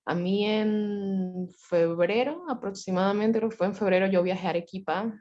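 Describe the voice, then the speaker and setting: A woman in her twenties, a student recounting a personal experience to the class in a measured, careful way. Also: medium pitch, mellow, muffled recording. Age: 20s. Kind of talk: personal account in class discussion.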